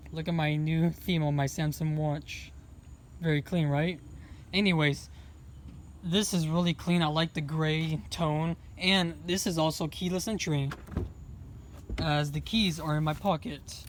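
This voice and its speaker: High-voiced man on a handheld phone video. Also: a little hiss or hum. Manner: chatty, enthusiastic, pointing things out. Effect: phone video recording. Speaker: car reviewer. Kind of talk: casual walk-around car review. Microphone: phone camera held in hand.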